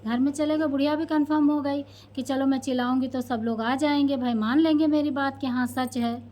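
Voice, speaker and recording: Woman vlogger, casual storytelling, high voice, chatty. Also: steady tone, a little fast, warm tone. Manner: chatty, addresses viewers directly.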